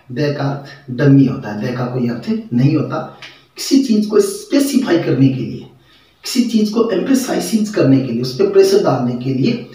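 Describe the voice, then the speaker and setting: A man's voice: a little high, a little mellow, far from the mic, slight background noise. Echoey man teaching grammar from afar. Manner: explains step by step with examples, repeats key words. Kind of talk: classroom lecture. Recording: echoey room, voice from off the mic.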